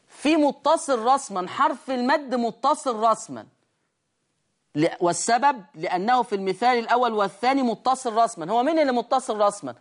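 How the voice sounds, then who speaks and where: A woman with an Egyptian accent teaching tajweed on screen, explaining step by step and asking and answering her own questions. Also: a little high. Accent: Egyptian Arabic. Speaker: Quran recitation teacher. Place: studio lesson with a control room.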